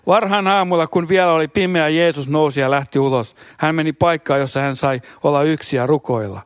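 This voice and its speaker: A man's voice: on the high side, clear, resonant tone, dry recording, clean studio sound. A man reading scripture aloud as a preacher, with occasional stumbles and hallelujahs slipped in between verses. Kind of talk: scripture reading with spontaneous comments.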